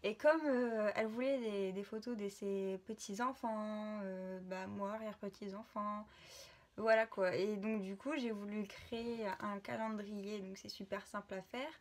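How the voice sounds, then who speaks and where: A woman's voice: medium pitch, steady tone, a little slow. A young woman in a casual vlog, presenting gift ideas to her viewers in an informal, chatty way, often hesitating and restarting her sentences. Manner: hesitant, many filler sounds and restarts. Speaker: vlogger.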